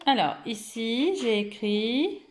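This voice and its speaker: A French woman teaching young children to read, slowly stretching out and repeating syllables and offering praise. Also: fairly high pitch, expressive. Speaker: primary school teacher. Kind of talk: slow, careful reading lesson for young children.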